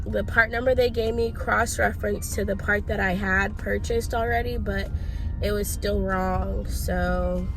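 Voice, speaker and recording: A woman's voice: mid-range voice, poor audio. A woman chatting casually to her viewers in an informal, weary, complaining way, with a swollen, sore throat. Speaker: vlogger.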